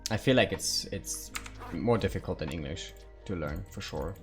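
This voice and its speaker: A young native Hungarian speaker chats casually with viewers while streaming a game, answering their chat messages with lots of fillers and asides. His voice sits low and is expressive, at a normal speed. Faint music plays behind him.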